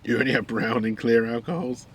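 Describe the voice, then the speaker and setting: A man's voice: medium pitch, fairly even intonation, fairly quick, a little hiss or hum. A man streaming live while cooking outdoors, chatting casually with fillers and frequent laughs. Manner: rambling, chatty, many fillers, laughs often. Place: outdoors in a garden.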